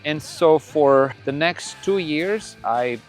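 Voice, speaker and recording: A middle-aged man from Croatia, a podcast host whose first language is Croatian, talking casually in a relaxed, rambling way with frequent restarts. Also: fairly high pitch, takes it slowly, soft background music. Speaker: podcast host and record label owner. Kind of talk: casual monologue. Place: room full of records.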